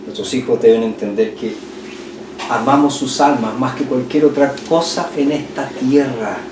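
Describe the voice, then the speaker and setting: A man with a Chilean Spanish accent preaching a sermon as pastor, swinging from loud passionate peaks to hushed, quiet lines. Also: mid-range voice, moderate pace. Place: church hall. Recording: echoey church hall, distant mic, noisy.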